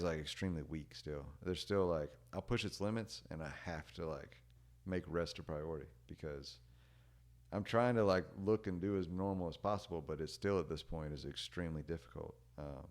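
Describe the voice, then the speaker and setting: A young man with a deep voice tells a story as a guest on a podcast, speaking at a moderate pace in a casual chat. He rambles with plenty of "like" and "dude," stays relaxed, and trails off quietly at the ends of his thoughts.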